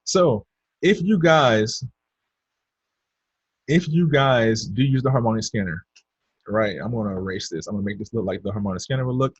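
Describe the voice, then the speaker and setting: A man's voice: on the low side, moderate pace, long pauses, breathy edge, no room sound, muffled recording. A man teaching trading on a screen share in a casual, chatty way, talking to his viewers and muttering to himself as he draws. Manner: chatty, addresses viewers as "you guys", talks to himself while drawing. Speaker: trading instructor.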